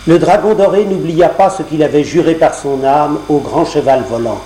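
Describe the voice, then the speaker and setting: A man reading a fairy tale aloud in a measured, expressive way, on a roomy cassette recording with a faint hum. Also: a little high. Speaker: storyteller.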